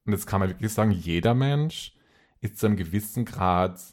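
Austrian guy, really low voice, casual personal interview talk, kinda emphatic. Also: animated, brisk, darkish tone. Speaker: interview guest.

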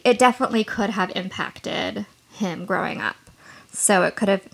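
A woman from Washington state co-hosting a true-crime podcast, explaining things thoughtfully with a few fillers. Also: mid-range voice. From Washington state, United States. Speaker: podcast co-host.

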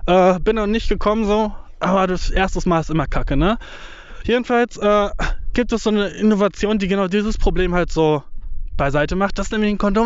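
A man's voice: high voice, no echo. A young man vlogging casually outdoors in a windy field, rambling in slang with lots of swearing and English words, recorded on a mobile setup. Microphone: mobile phone setup. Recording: dull, lo-fi phone audio.

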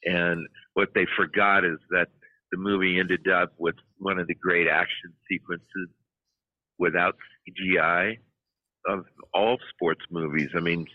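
Deep-voiced man telling stories. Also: dry recording, phone-quality sound. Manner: animated anecdotes, many restarts. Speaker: film writer and producer, guest. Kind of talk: storytelling interview.

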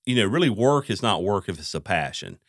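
A man's voice: on the low side, big pitch swings, a little fast, no echo, clean studio sound. A man hosting a podcast, chatting casually with fillers and restarts. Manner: conversational, lots of fillers and restarts. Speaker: podcast host. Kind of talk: casual interview chat.

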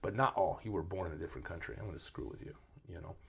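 A man who grew up in Brazil talks quickly and emphatically in a casual conversation. His voice sits low and has a husky edge. He acts out quoted lines as he makes his point. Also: fairly bright tone.

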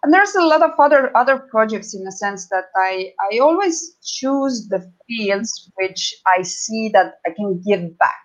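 In poor audio, an Estonian-accented woman from Estonia answers interview questions as a guest. Her voice is a little high and animated, and her conversational delivery halts, with frequent pauses and repeated words.

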